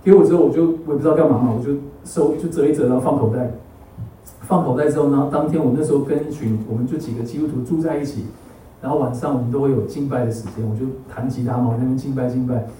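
A man's voice: mid-range voice, rapid-fire, warm tone, a little hiss or hum. A man preaching a sermon with a personal testimony. He keeps asking the congregation to agree and drops English words into his talk. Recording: echoey hall, mic far off.

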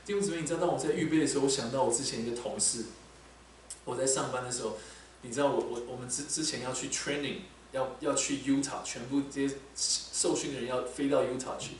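A man preaching a sermon to a congregation, animated and asking them frequent questions. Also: medium pitch, fast talker. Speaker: pastor. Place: large echoey hall, church. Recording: very echoey hall, distant mic, faint background noise.

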